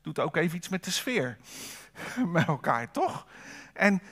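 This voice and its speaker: High, bright-voiced male preacher. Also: sing-song, slow, husky. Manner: conversational, asks the congregation rhetorical questions. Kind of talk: sermon. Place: church service.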